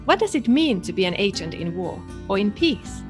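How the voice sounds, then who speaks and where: A woman from Finland, a researcher co-hosting a podcast, reading in a calm, explanatory way. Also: mid-range voice, moderate pace, music in the background. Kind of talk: scripted podcast narration.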